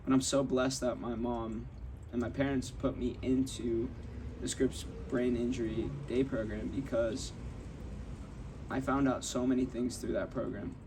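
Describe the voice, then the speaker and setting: On his podcast, a young male host rambles through a personal story with candor, frequently restarting and performing quotes. He speaks in a mid-range voice that stays fairly flat in pitch and moves a little slowly. Faint ambient noise surrounds him, and he's slightly off-mic.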